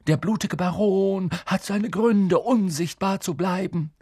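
A tense young wizard boy of a storybook, voiced by a male reader, urgent and often dropping to a hush. The voice stays close and dry with lively turns in pitch. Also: moderate pace, no room sound. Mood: hoarse whisper. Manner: urgent, hushed.

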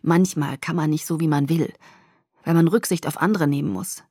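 A hoarse young man in a storybook reading, earnest and torn by a secret he must keep, as a woman reads him. He presses his words out in a low, breathy, urgent half-whisper, close and dry. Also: fairly even intonation, moderate pace, mellow, no echo. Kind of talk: audiobook character voice.

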